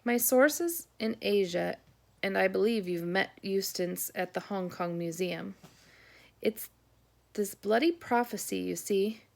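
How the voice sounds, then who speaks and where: A woman reading the lines of a warm, eccentric older British archaeologist uncle, with a British accent and a dry, courteous, brisk manner. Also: medium pitch, vocal fry. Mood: genial. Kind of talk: audiobook character voice.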